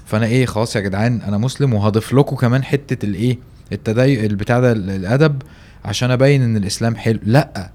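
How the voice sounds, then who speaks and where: A man's voice: mid-range voice, rapid-fire, darkish tone. A young man with an Egyptian Arabic accent, co-hosting a casual chat on religion in an informal way, often checking he is understood.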